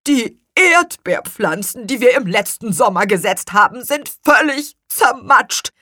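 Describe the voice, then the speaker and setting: A woman voicing an indignant little male apple man who scolds excitedly. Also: a little high, unhurried, no room sound, pitched above the performer's own voice, exaggerated voice.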